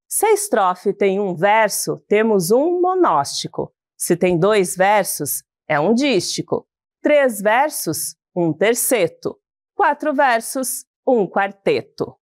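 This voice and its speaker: A woman teacher with a Brazilian Portuguese accent, giving a slow sing-song lesson to schoolchildren. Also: on the high side, no echo, studio quality. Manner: slow, sing-song, addresses pupils as "bonitos".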